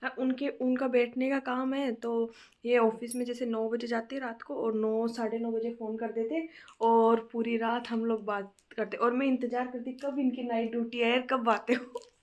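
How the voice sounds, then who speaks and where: A woman's voice: fairly high pitch, level tone, normal speed, darkish tone. Chatty young woman with a cold. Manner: chatty, laughing often. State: hoarse with a cold. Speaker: vlogger. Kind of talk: casual home vlog chat. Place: bedroom at home.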